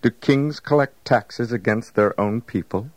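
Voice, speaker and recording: An actor playing a calm, authoritative master teaching gently in a Bible audio drama. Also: male voice, mid-range voice, unhurried, background noise, natural voice. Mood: calm, instructive.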